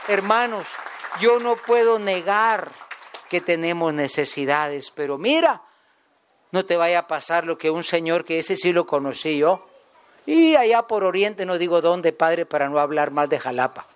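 A man's voice: a little high, expressive, measured pace, smooth, dry recording, a faint crowd. A man with a Guatemalan accent preaching a folksy sermon in a chatty way, telling stories, joking and asking the congregation questions. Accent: Guatemalan Spanish. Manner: chatty, jokes with the congregation, asks them questions.

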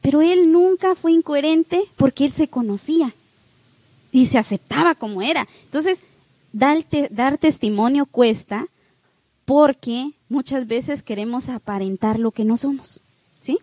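A woman's voice: high-pitched, measured pace, mellow, dry recording. A woman giving a parish catechesis talk, chatty and full of rhetorical questions to her listeners.

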